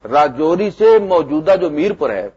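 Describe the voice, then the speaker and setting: A middle-aged man preaches with a fairly high, husky voice. He is animated, pushing lines out loud and then dropping low. The recording is muffled and lo-fi. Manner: animated, swings between loud emphasis and low asides. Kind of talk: sermon.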